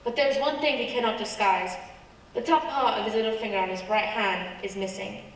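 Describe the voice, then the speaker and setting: Voicing a scared, secretive foreign agent for a radio drama, a woman sounds urgent and guarded. She speaks briskly in a high, natural voice, with slight hiss or hum on a distant mic in a strongly echoing hall.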